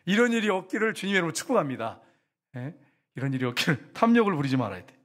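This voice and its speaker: A man preaching a sermon as pastor, lively and chatty, teasing the congregation with questions. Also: on the high side, rapid-fire.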